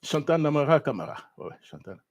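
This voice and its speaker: Male show host, high and lively, indignant live commentator. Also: moderate pace. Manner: animated, indignant, searching online while talking.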